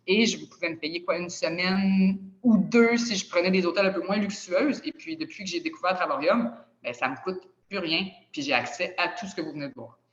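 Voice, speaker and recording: A woman's voice: on the low side, a little fast, hardly any pauses, highs cut off. A woman with a Quebec French accent giving a chatty, persuasive sales presentation over a video call. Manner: chatty and persuasive, with casual asides. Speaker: presenter of a travel club.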